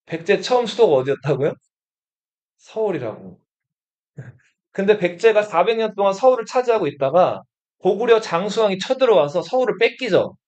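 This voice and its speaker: A man teaches history to a room of students, asking them question after question and repeating their answers. His voice sits high and swings up and down a lot. The recording sounds dull and lo-fi. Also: darkish tone. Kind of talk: classroom lecture to students.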